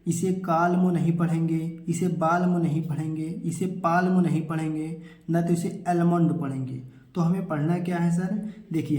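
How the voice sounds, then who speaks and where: Guy teaching kids english rules, keeps repeating himself, asks then answers, kinda high but mellow voice. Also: echoey room. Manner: repetitive, drills rules, asks and answers his own questions. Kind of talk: classroom-style lesson.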